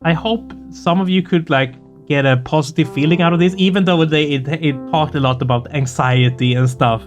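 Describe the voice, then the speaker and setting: Over soft background music, a gaming video host talks at a moderate pace in a mid-range voice. The chat is casual, excited and effusive, coming right after a playthrough, and he's both earnest and prone to cursing.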